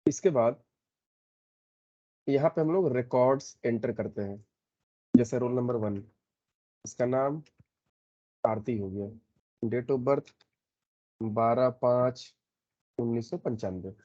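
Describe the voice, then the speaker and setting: A man teaching a programming lesson, explaining step by step and often checking in with a quick "okay". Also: medium pitch, dark tone, muffled recording. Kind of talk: screen-recorded coding lesson.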